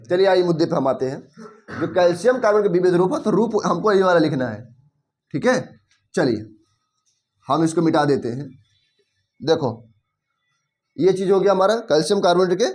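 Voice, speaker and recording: A man's voice: fairly high pitch, a little mellow. A man with a Bhojpuri accent teaching a chemistry class, explaining step by step and often checking that the students follow.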